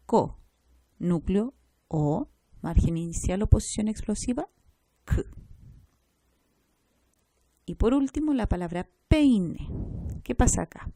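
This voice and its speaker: A woman teaches a recorded class, going through each point step by step. Her voice is warm and mellow. The sound is dry and close, with no room echo. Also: a little high. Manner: explains step by step, checks with "¿ya?".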